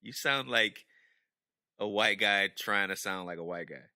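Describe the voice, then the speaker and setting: Co-host: American man, very bright forceful voice, dry sound, slow-paced casual banter. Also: fairly low pitch, clear, resonant tone, no echo. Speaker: podcast co-host.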